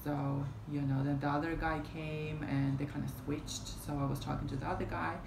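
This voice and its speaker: With a fan running nearby, a young vlogger tells a rambling story to a camera held at arm's length in a small room at home, full of fillers and restarts. She has a deep, level voice with vocal fry at normal speed, and the recording sounds roomy with fan hum behind.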